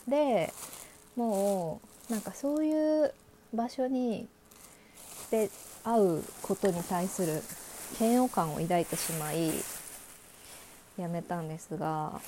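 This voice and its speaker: A woman's voice: medium pitch, slow pace, long pauses, warm tone, slight background noise. A woman hosting a casual solo talk show, frankly telling personal dating anecdotes with many fillers. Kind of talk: casual storytelling monologue.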